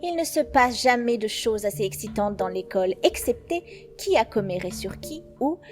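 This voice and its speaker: A woman voicing a sly, composed teenage schoolgirl informant in a French anime fan dub, speaking in a knowing, measured way. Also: fairly high pitch, lively intonation, darkish tone, faint music behind, lightly acted. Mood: scheming.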